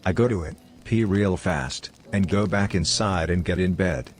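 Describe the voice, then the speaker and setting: Deep-voiced man reading horror stories. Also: normal speed. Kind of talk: scripted narration of online horror stories.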